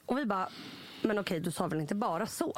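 A woman's voice: mid-range voice, slight background noise. A woman co-hosting a podcast, telling a story in casual chat with lots of fillers and acted-out quotes. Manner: animated anecdote-telling, quotes people with "bara", lots of fillers. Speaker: podcast host.

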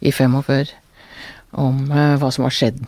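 An older woman, an author, speaks in an earnest, halting way, often restarting her sentences as she recounts family history. Her voice is mellow and dark in tone, recorded dry and close with no room sound. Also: extremely low pitch, flat delivery, no echo. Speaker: author guest. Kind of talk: reflective interview talk.

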